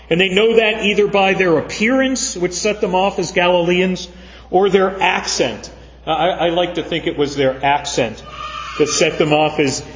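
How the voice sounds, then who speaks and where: A man preaching a sermon as pastor, earnest and measured, with frequent fillers. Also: fairly high pitch. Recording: dull sound, long church reverb.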